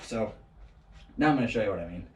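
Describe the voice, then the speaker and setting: A man's voice: lowish voice, expressive, fast. A man giving a casual martial arts lesson, joking and thinking aloud as he demonstrates, recorded on an action camera set some way off in an indoor training space. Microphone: action camera set at a distance. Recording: echoey room, distant camera mic, faint noise.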